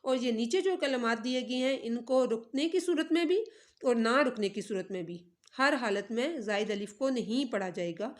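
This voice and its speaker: A woman teaching Quran recitation, spelling out syllables slowly one by one and then explaining the rules quickly. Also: fairly high pitch, lively intonation. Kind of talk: slow letter-by-letter tajweed lesson.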